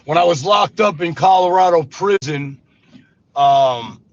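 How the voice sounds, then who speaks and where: An expressive, somewhat high-voiced man keeps a measured pace while telling his life story as an interview guest. He's a former gangster in his fifties from Brooklyn, New York, speaking street-style with "brother" and "you know what I mean" sprinkled in. The lo-fi recording sounds dull and dry, with no echo.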